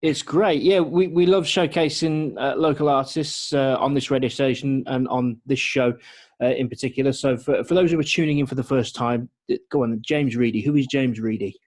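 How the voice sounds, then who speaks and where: Radio host, late thirties, friendly casual delivery that trips over repeated words; average male pitch. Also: fairly even intonation, moderate pace, a little mellow. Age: 30s. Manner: stumbling, repeats words often.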